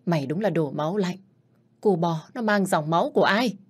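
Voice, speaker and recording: A woman's voice: lowish voice, normal speed, husky. A woman reading a furious, fierce mother. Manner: furious, shouting.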